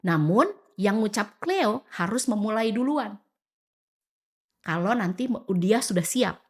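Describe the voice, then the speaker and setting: Animated woman giving casual podcast advice. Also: medium pitch, a little slow. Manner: animated, acts out quoted dialogue, mixes in English phrases. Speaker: podcast guest.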